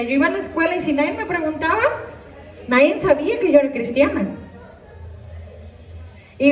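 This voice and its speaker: A woman's voice: high-pitched, darkish tone, roomy sound, distant mic. A woman pastor preaching a sermon, questioning and exhorting her congregation directly. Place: church hall.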